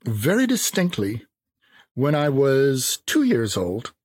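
A man in his fifties, from Jamaica, speaking as a philosopher in a thoughtful, measured interview. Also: mid-range voice, wildly swooping pitch, a little mellow, breathy edge, no echo. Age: 50s. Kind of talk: reflective interview talk.

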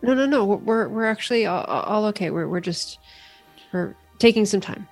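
Husky, creaky-voiced woman role-playing. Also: medium pitch, expressive, normal speed, faint music behind. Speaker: tabletop game player. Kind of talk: improvised in-character tabletop role-play.

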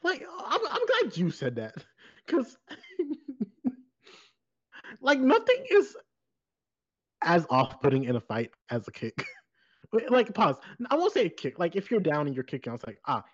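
A podcast co-host giving animated, giggly opinions in casual chat. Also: mid-range voice, measured pace, pauses often. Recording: dull lo-fi podcast audio.

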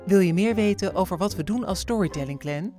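A woman hosting a storytelling podcast, reading a calm, friendly closing message. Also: medium pitch, brisk, soft background music. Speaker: podcast host. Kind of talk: scripted show outro.

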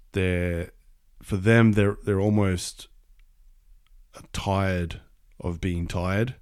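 A man hosting a solo podcast, his voice croaky from a cold with creaky starts, talking earnestly and haltingly. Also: sits low, darkish tone, no room sound, clean studio sound. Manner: halting, repeats words, earnest. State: croaky from being sick. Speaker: podcast host.

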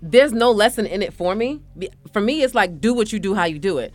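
A woman in her forties, raised in Brooklyn, speaks as a radio guest. She rattles along fast and emphatic, throwing in side remarks. Her voice sits at an ordinary pitch for a woman. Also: animated, soft background music. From born in Panama, raised in Brooklyn. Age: 40s. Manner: fast, chatty, emphatic, full of asides. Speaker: guest, fashion designer and tailor. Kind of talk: casual radio interview. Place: radio studio.

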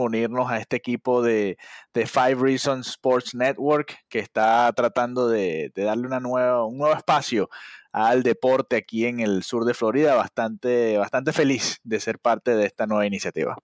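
Male co-host for sports talk, medium pitch, conversational, no room sound. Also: no room sound, studio quality. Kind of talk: casual podcast chat.

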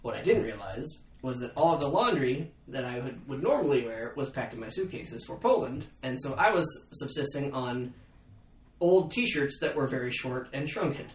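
A man's voice: medium pitch, animated, moderate pace, roomy sound. Guy hosting a podcast w/ his parents, joking about himself, sounds a bit far from the mic. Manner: self-mocking, laughing storyteller. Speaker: podcast host. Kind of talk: casual storytelling chat.

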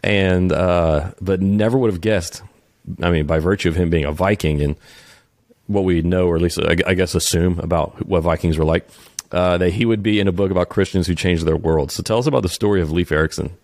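Very low voiced host guy, kinda halting, dry close sound. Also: darkish tone, no echo. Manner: halting, many restarts and fillers. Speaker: podcast host. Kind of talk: interview, casual chat.

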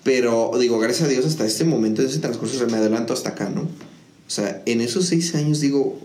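A man's voice: mid-range voice, fairly quick, darkish tone. Rambling man in an echoey room. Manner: rambling, many fillers and restarts. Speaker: music school founder, guest. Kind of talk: casual interview chat. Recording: echoey room with faint noise.

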